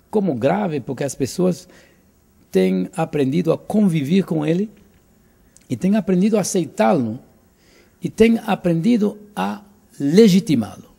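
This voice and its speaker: Older man, from Cuba, gravelly, dark, earnest and emphatic, interview, handheld mic indoors. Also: sits high. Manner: earnest, emphatic, repeats and restarts words. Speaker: interviewee, author. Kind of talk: interview answers. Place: living room, indoors. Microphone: handheld mic held by interviewer.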